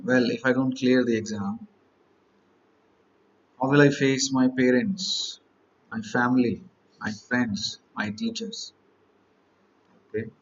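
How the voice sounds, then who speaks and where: In a motivational lecture for exam candidates, a man speaks at a medium pitch, piling on rhetorical questions and repeated lists. The recording has a lo-fi quality.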